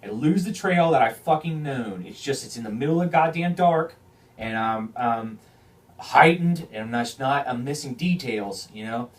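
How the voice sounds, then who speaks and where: Excitable swearing man telling a story. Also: mid-range voice, moderate pace, recorded from a distance. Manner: animated, swears often, repeats and restarts phrases. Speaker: podcast host. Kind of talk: casual storytelling chat.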